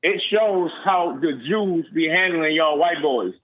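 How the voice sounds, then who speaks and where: A man's voice: on the high side, unhurried, no room sound. A man calling into a radio show on a phone that sounds like a speakerphone, talking bluntly and provocatively over the host. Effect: phone call that sounds like a speakerphone. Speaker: radio call-in caller. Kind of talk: casual call-in chat. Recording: tinny speakerphone line.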